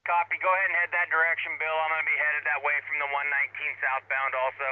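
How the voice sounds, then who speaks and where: A man giving brisk, clipped instructions over a walkie-talkie on a two-way radio channel. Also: on the high side, flat delivery, dry recording. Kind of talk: terse two-way radio traffic. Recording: tinny distant radio with hiss.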